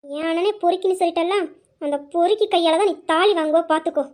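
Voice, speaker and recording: A woman's voice: fast talker, darkish tone. A woman voicing a quarrelsome, scheming young wife who accuses and threatens in an amateur audio drama. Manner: shrill, accusing.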